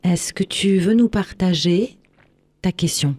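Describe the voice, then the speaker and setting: A woman hosting a radio talk show, welcoming her callers in a brisk way. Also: on the low side, dark tone, dry recording.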